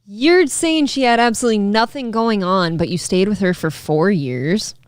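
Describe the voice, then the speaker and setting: A woman with a clean, smooth voice co-hosts a casual talk show. She banters bluntly and teases, recorded very dry with no room sound. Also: medium pitch, expressive, normal speed, no echo. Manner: blunt, teasing. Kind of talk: casual chat, teasing banter.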